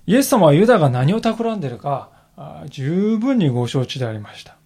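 A male pastor giving a sermon in an earnest, reflective way, slowing down to stress key phrases. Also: on the high side, big pitch swings, a little mellow. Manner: earnest, reflective preaching with emphatic slowed phrases.

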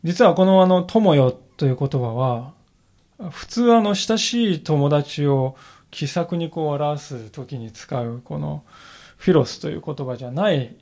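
A male pastor giving a sermon in an earnest, reflective way, slowing down to stress key phrases. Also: a little high, mellow. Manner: earnest, reflective preaching with emphatic slowed phrases.

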